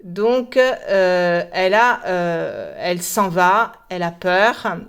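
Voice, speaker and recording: A woman from France explaining a cartoon in a casual lesson, pausing often and hesitating between words. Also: fairly low pitch, expressive, smooth. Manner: hesitant, many pauses and fillers. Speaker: French teacher.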